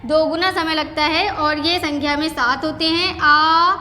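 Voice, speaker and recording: एक ऊँची आवाज़ वाली अध्यापिका, गूँजता कमरा. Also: female voice, sits high, fairly even intonation, a little slow, pushed and bright. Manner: patient, repeats and asks the class questions. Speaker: school teacher. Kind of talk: classroom lesson on vowels, dictating slowly. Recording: echoey classroom with long reverb.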